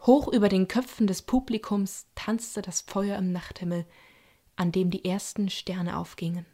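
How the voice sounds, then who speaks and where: A woman narrating a children's bedtime story in a calm, soothing way. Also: mid-range voice, a little slow. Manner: calm and soothing, voices characters lightly.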